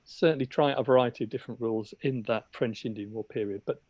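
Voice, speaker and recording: A man's voice: mid-range voice, fast talker, a little mellow, dry recording, dull audio. Teasing man hosting a podcast, dry sound. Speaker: podcast host. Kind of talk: casual podcast chat. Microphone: remote call mic.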